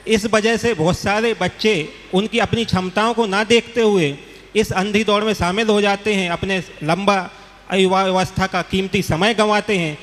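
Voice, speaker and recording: High-voiced man asking an earnest question. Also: steady tone, moderate pace, a bit bright. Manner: respectful, earnest, formal address. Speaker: audience questioner, government officer. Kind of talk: formal question to a monk. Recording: long hall reverb.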